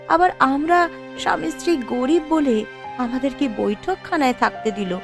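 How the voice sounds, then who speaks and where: In a moral-tale cartoon, a woman voices a poor young wife who is proud and outspoken. Her high-pitched delivery is emphatic and dramatic.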